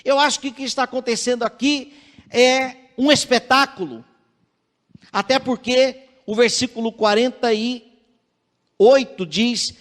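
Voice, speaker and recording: A man with a Brazilian Portuguese accent preaching a sermon in a measured, earnest way, reading scripture aloud. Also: very high-pitched. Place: church sanctuary. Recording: church livestream with long hall reverb.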